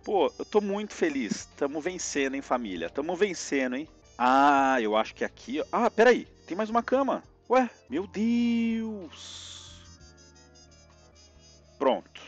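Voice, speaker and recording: A man with a Brazilian Portuguese accent giving lively live commentary on a platform game, yelping and groaning at each jump. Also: medium pitch, normal speed, few pauses, faint music behind. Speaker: streamer playing a platform game.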